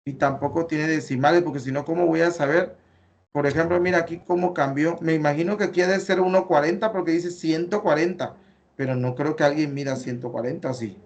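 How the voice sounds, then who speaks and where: With a Mexican Spanish accent and a fairly high, fairly quick voice, this man teaches an online class. He walks through student work step by step, correcting patiently and using many fillers.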